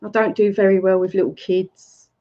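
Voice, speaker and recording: Middle-aged Essex woman, medium pitch, chatty livestream host greeting fans, muffled lo-fi audio. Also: little pitch movement, moderate pace. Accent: Essex English. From Essex, England. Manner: chatty, greets viewers by name, laughs often. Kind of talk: casual livestream chat. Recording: slightly muffled lo-fi stream audio.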